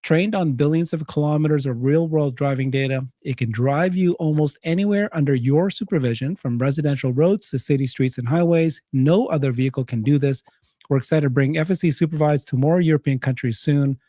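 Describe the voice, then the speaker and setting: A man's voice: a little high, a little fast, dark tone, no echo, clean studio sound. A man hosting a live talk show, giving breaking-news commentary.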